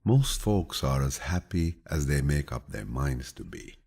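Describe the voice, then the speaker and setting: Calm and grandfatherly, a male audiobook narrator works through a set of quotations. His deep voice has a husky, gravelly grain, and he tells each one in a measured, soothing manner.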